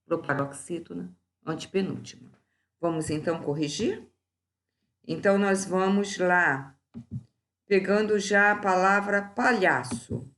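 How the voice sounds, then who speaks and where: A woman teacher, slow and deliberate, going through grammar exercise answers in a recorded class and drawing out each example word. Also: fairly low pitch, fairly bright tone.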